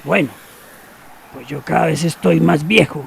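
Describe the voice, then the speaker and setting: Don Roberto: a gravelly, cynical older schemer. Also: male voice, a little high, slight background noise. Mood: sly. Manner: slow, knowing, sly, drops to near whispers. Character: older man, secretive, cynical, watchful. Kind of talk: radio drama acting.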